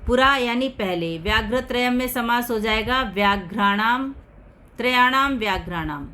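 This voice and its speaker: A woman's voice: fairly high pitch, lively intonation, normal speed, pushed and bright. Woman teacher explaining word by word. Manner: explains word by word, repeats terms, asks and answers herself. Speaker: Sanskrit teacher. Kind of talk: classroom explanation of a text.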